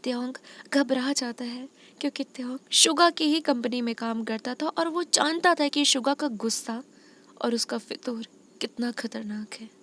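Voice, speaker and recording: A woman narrating a fan fiction story in a soft, hushed voice. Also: a little high, moderate pace.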